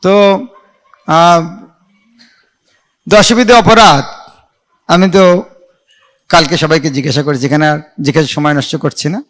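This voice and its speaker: Male monk teacher, high voice, lecture delivery that quizzes listeners and slows into chanted verses. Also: steady tone, fairly bright tone. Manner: asks the audience questions, chants verses slowly. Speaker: monk giving a class. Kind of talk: devotional class lecture.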